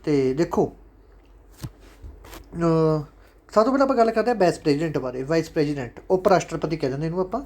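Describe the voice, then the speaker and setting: A man's voice: fairly high pitch, animated, fast talker, long pauses, darkish tone. A man with a Punjabi accent teaching an online exam-prep lesson, chatty and fatherly, repeating key points again and again. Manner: chatty and fatherly, calls students "sons". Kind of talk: casual online lecture.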